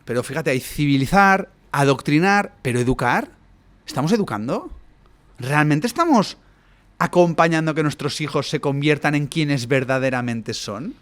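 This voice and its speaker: Man, podcast guest, expansive lecturing, rhetorical tag questions, fairly high-pitched. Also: lively intonation, moderate pace. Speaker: guest coach and writer. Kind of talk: podcast conversation.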